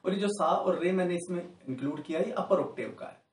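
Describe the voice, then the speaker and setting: A man with a Hindi accent teaching harmonica, patiently explaining step by step and chanting the note names slowly to show how long each note lasts. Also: high voice, far from the mic, slight background noise. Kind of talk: spoken music lesson. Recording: echoey room, a little off-mic.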